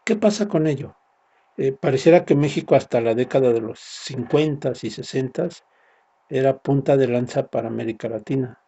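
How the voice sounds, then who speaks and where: A man's voice: mid-range voice, moderate pace, dark tone, husky, lo-fi sound. A man giving a recorded university lecture, explaining step by step and often ending points with a tag question. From Mexico.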